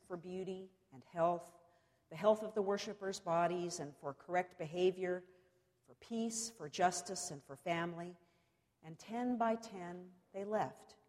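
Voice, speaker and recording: A woman preacher delivering a cathedral sermon in measured, solemn oratory, pausing deliberately between short phrases. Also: lowish voice, darkish tone. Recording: long reverberant echo of a large hall.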